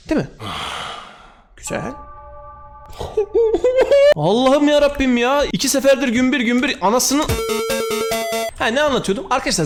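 A young man giving excitable horror let's-play commentary, talking to himself, swearing and yelping at scares. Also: extremely high pitch. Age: young adult. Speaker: gaming YouTuber. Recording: game music playing behind.

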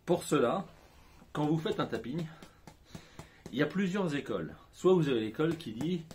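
A man's voice: a little high, lively intonation, moderate pace, darkish tone, slight background noise. A middle-aged man coaching viewers in an emphatic, colloquial way. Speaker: EFT coach. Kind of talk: energetic video coaching.

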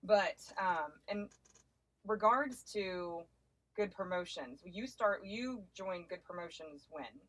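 A woman's voice: on the low side, animated, takes it slowly, a bit bright, low-quality recording. A woman co-hosting a casual chat, chiming in with her own opinions. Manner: chatty, chimes in with opinions. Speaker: co-host.

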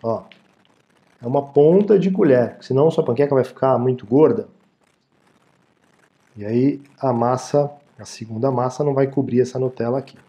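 A cooking show host in his thirties speaks in a dark-toned, mid-range voice at a moderate pace, pausing often. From a small home-style studio kitchen indoors, he leads a casual demo, friendly and talkative, and frequently asks viewers "tá, gente?".

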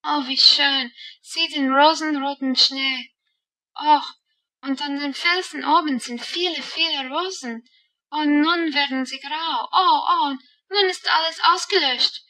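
A woman voicing an excited little girl who gushes and exclaims in wonder. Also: high voice, slow, far from the mic, voice pushed up, full character voice, low-quality recording. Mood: awestruck. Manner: gushing, exclaiming, breathless wonder.

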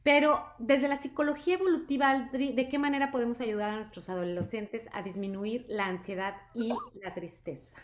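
A woman hosting a live product presentation, chatty and lively, constantly checking in with her audience. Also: on the high side, fairly quick, hardly any pauses, background noise. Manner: lively, chatty, asks "¿sí?" often. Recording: echoey room.

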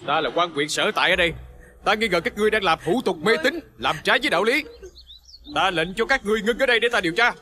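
An actor playing a stern male district magistrate in a folk-tale TV drama, barking brisk commanding orders. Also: high-pitched, animated, pushed and bright.

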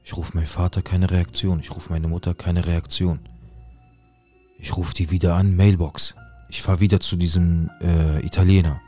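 A man narrating a dramatic first-person story, mostly low and hushed, with agitated quoted outbursts. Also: flat delivery, moderate pace, soft background music. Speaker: storyteller recounting a viewer's story.

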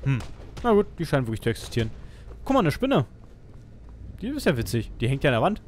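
A man's voice: medium pitch, sing-song, fast talker, slight background noise. A man doing casual commentary on a let's play stream, grumbling and mocking, swearing at his companion.

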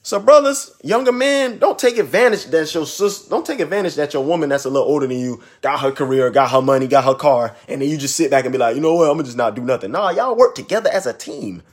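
A man's voice: on the high side, animated, quick pace, hardly any pauses. A man in his twenties giving preachy relationship advice in a casual monologue, repeating phrases for emphasis. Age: 20s. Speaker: ministry vlogger.

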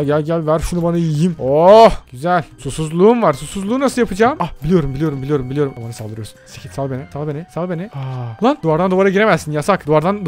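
A man hosting a gaming video with casual play-by-play commentary, excitable, with sudden yelps and frequent asides to his viewers. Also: a little high.

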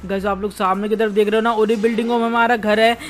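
A woman's voice: mid-range voice, little pitch movement, racing. A woman hosting a gaming channel, giving chatty role-play commentary and speaking directly to her viewers. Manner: chatty, addresses viewers as guys.

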